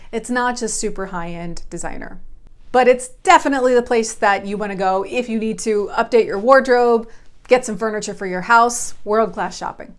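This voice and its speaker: A woman in her thirties from Oklahoma, a realtor hosting her own vlog and gushing with enthusiasm about the area. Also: a little high. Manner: bubbly, gushing. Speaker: realtor and channel host.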